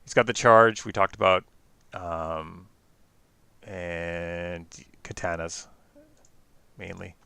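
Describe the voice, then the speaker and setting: A man with a Canadian accent giving chatty live-stream commentary on a card game, quick and full of fillers and restarts. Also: low voice, vocal fry, sharp tone, clean tone, dry recording.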